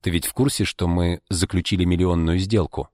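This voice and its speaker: A man's voice: deep voice, fairly even intonation, fairly quick, a little mellow, dry recording, studio quality, lightly acted. A man voicing a smug rival businessman in an audiobook, mocking and sneering as he speaks.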